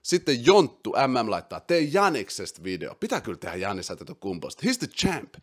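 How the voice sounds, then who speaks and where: A man hosting a casual podcast, excitable, swinging between loud outbursts and quiet asides, dropping English slang into his talk. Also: mid-range voice. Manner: mixes English slang into speech. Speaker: podcast host. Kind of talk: casual basketball chat.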